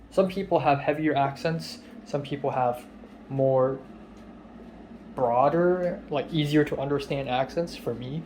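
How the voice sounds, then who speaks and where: Speaking slowly with long pauses, a young Hong Kong vlogger rambles frankly through his video diary in a medium-pitched voice. The recording is rough with a little hiss or hum, and he fills it with ums and free swearing.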